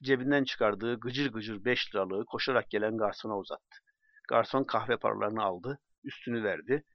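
A man narrating a story in a measured, plain way and acting out the dialogue. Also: lowish voice, no echo. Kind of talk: audiobook narration. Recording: dull dry recording.

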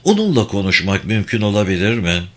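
A man's voice: lowish voice, big pitch swings, brisk. A man reading the lines of a polite Englishman from London who asks probing questions. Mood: inquiring.

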